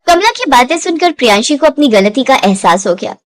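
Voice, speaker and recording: A woman's voice: high voice, very animated, fairly quick. A woman narrating a moral story in a dramatic storytelling manner. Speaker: narrator and voice of characters. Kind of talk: storybook narration with character voices.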